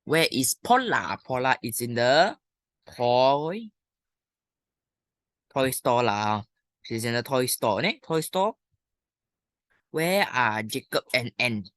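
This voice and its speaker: Informal primary English teacher, Malaysian or Singaporean accent, unhurried and colloquial, close dry sound. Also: mid-range voice, very animated, fairly bright tone, dry recording. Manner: colloquial Singlish-style particles, thinking aloud. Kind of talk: informal lesson, talking through exercises.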